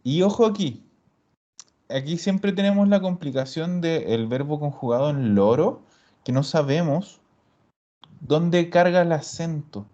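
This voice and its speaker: Slow, patient male language teacher. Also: on the high side, mellow. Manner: patient, repeats students' answers. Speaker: Italian teacher. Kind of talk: explaining grammar in a live class. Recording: dull lo-fi recording.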